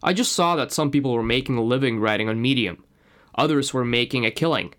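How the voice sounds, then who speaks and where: A man's voice: mid-range voice, lively intonation, fast talker, fairly bright tone. A man from Russia with a slight Russian accent, introducing his own podcast in an earnest, personal way. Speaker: podcast host.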